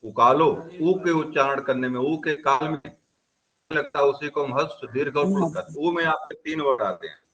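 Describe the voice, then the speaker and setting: A man's voice: a little high, normal speed, fairly bright tone, muffled recording. A man teaching grammar in an online class, explaining step by step and often checking whether students have understood.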